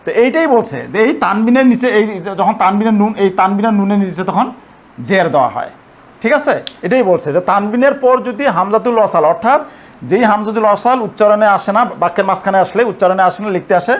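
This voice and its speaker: A man teaching Arabic grammar in a patient, step-by-step way. He repeats his points, keeps checking that listeners follow, and slows down to spell out the Arabic examples syllable by syllable. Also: sits high. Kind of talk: explanatory lesson.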